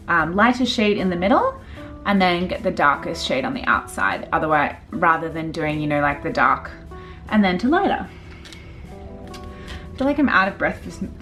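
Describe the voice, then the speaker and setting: A woman, a makeup artist chatting casually through a tutorial with lots of fillers. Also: lowish voice. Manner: chatty, filler-heavy, relaxed.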